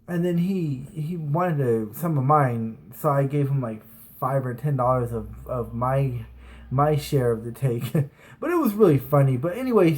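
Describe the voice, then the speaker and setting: A man in his thirties rambles casually on his vlog about his school days, restarting sentences and using fillers. His voice is medium-pitched and a little mellow.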